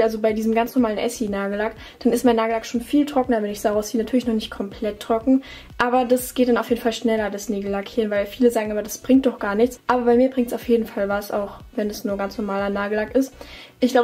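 This young German woman's voice is mellow and a little high. As a beauty vlogger, she casually talks through her routine from her desk at home in a tutorial chat, filling pauses and correcting herself along the way.

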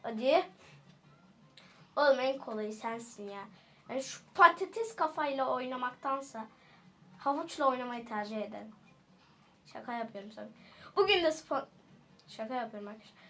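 A woman giving casual gameplay commentary as a streamer, jokey and excitable, teasing the enemies with sudden shouts. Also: sits high, moderate pace, pauses often. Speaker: gaming streamer.

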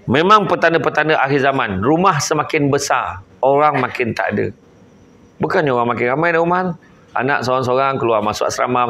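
A man's voice: mid-range voice, fairly bright tone, a little hiss or hum. A male preacher with a Malaysian Malay accent gives a humorous religious talk and teases his live audience. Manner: joking and teasing with the crowd, switching between I and aku.

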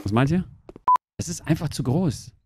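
A woman's voice: low voice, normal speed. Hyped woman gamer rambling at chat, bouncy voice, slight noise. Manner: excitable, jokey, talks to viewers. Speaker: gaming streamer. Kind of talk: casual gameplay commentary.

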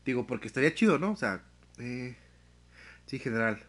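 A young man with a Mexican accent, chatting casually on a live stream, full of slang and swearing, telling stories with animated energy. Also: mid-range voice, brisk. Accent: Mexican Spanish.

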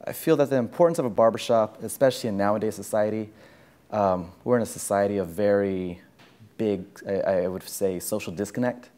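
A man's voice: fairly low pitch, fairly quick, dark tone. A man reflecting earnestly on barbershop culture in a documentary interview in a barbershop.

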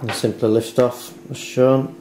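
In an echoey room at home, a man at the dining table narrates a repair tutorial one step at a time, careful and never hurried. His voice is mid-range and dark, with a flat, unhurried delivery, and the audio carries background hiss and handling clicks.

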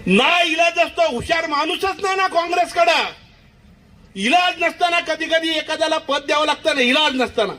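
A man's voice: very high voice, normal speed, pushed and bright. A man giving an impassioned political rally speech, full of repeated rhetorical questions.

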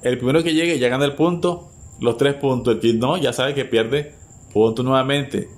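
A man hosting party games at home, urgently cheering players on with rapid, repeated urging and laughter. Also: medium pitch. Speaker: host running family party games. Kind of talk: excited play-by-play commentary. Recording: noisy home recording.

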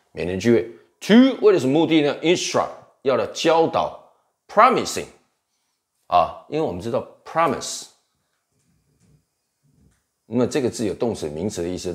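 Low-voiced man teaching English vocabulary. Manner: explains in Mandarin, reads English slowly and spells words out. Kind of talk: vocabulary lesson.

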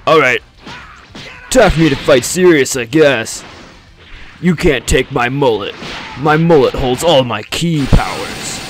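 A man's voice: medium pitch, lively intonation, a little slow, long pauses, close to an everyday voice. A man doing a cartoon impression voice of a cocky, goofy, easily flustered young martial-arts fighter, boastful and casual. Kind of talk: cartoon character impression over fighting game. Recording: game music and blasts behind.

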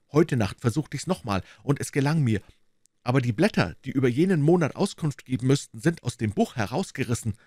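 A man's voice: mid-range voice, darkish tone, no room sound, studio quality, voice pushed up, natural voice. A man voicing a nervous young man who explains himself to the police in a storybook reading.

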